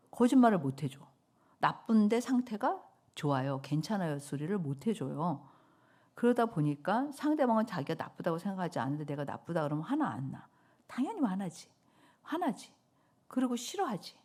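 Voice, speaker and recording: A middle-aged woman pastor giving a sermon in church, telling stories with loud outbursts and soft whispers. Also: lowish voice. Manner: animated storytelling, swings between loud outbursts and soft whispers.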